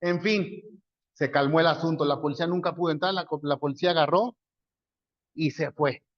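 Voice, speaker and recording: Mexican male pastor, higher voice, dull lo-fi recording; conversational sermon delivery, rhetorical questions. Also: steady tone, brisk, dry recording. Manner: conversational storytelling, asks and answers his own questions.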